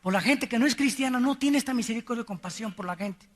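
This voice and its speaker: An older man preaching a sermon with a Mexican Spanish accent, telling stories and swinging from quiet asides to shouted peaks. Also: very high-pitched, fast talker. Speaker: pastor.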